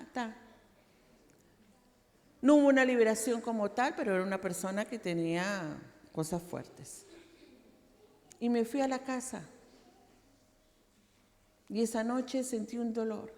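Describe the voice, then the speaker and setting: A woman's voice: mid-range voice, darkish tone. A woman pastor preaching a personal testimony sermon, telling her story dramatically with repeated phrases. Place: large church hall. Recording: reverberant church hall.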